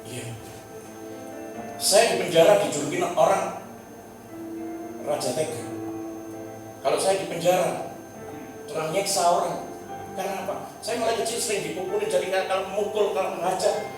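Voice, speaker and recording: A man gives an emotional personal testimony in a fervent voice that swings between loud and hushed. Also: sits high, normal speed, long pauses. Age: 40s. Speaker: church testimony speaker. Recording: echoey hall, distant mic, music behind.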